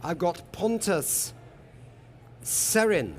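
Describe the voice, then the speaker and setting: A jovial man hosting a live panel broadcast, introducing guests with chatty asides. His voice sits a little higher than most men's. Faint ambient noise hums behind him. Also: sing-song, extremely slow. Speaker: host. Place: lives in Berlin.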